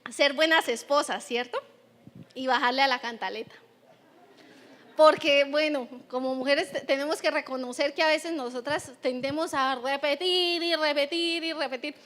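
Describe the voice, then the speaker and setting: A woman's voice: sits high, moderate pace, a bit bright. A Colombian woman pastor in her thirties giving a chatty sermon in church, often checking in with the congregation. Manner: chatty, keeps asking the congregation "right?". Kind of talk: conversational sermon.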